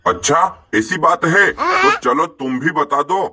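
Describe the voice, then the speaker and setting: A man's voice: on the high side, slow pace. A man voicing a bossy, joking male potato who leads the vegetables in a comic cartoon. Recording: music playing behind.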